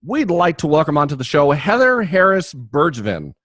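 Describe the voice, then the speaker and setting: A man hosts a podcast in a slightly high, very animated voice at a normal pace, his tone fairly bright. He chats in a jokey, rambling way, often restarting his sentences, moving between casual talk and a promo read. The recording is clean studio sound with no room echo.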